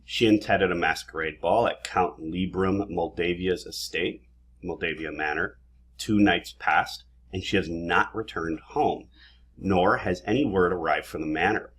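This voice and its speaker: A man's voice: deep voice, unhurried, a bit bright, husky. A man acting as game master, chatting casually and laughing often as he rambles through the setup. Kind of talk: casual tabletop game chat.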